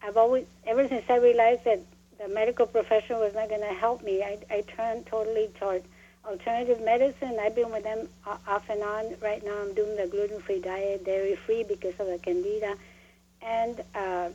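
A woman calling in to a radio talk show over a phone line, talking in a halting, rambling way with many fillers. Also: medium pitch, flat delivery, warm tone. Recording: muffled phone line with faint noise.

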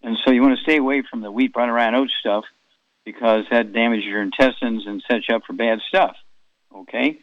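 A man's voice: mid-range voice, steady tone, brisk, no echo, muffled recording. A man in his eighties hosting a radio health talk, rambling and folksy with chatty asides. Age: 80s.

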